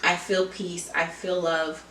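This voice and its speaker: A woman's voice: on the low side, flat delivery, takes it slowly, fairly bright tone, a little hiss or hum. A woman hosting a casual group discussion about faith, speaking reflectively and personally and putting questions to the others. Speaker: host of a group chat. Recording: roomy echo, distant mic.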